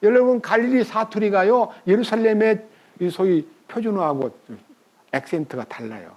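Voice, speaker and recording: A man preaching a sermon as pastor, telling the story with animated energy and asking the congregation rhetorical questions. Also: high-pitched, moderate pace. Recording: dull lo-fi recording.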